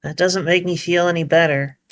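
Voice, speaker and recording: Gentle earnest android girl, voiced by a woman. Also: fairly low pitch, fairly even intonation, brisk, close to an everyday voice. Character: polite naive female android companion.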